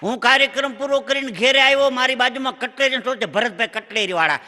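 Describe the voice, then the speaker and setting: A man's voice: very high-pitched, quick pace, a loud crowd, very noisy. A man, a stand-up comedian telling jokes on stage and acting out bits of dialogue. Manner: punchy joke-teller, acting out bits of dialogue. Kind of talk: Gujarati comic storytelling on stage. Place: stage before a live audience in a large hall. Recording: long hall reverb from a live stage show.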